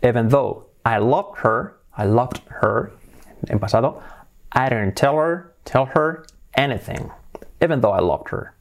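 A young man with a Spanish accent, a native Spanish speaker, gives a casual video lesson, mixing Spanish explanations with slow, repeated English examples. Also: medium pitch, lively intonation. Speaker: English teacher.

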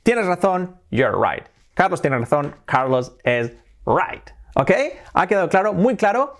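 A man from Spain teaching English in a video lesson, explaining in Spanish and saying the English phrases slowly and clearly. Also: high-pitched, big pitch swings.

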